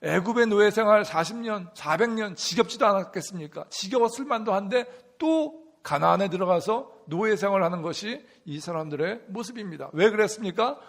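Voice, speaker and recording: A man's voice: sits high, creaky, a bit bright. A middle-aged man preaching a sermon in a church, asking the congregation questions and repeating key words in a rhythm. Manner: call-and-response questions to the congregation; rhythmic repetition for emphasis. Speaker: pastor. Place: church sanctuary.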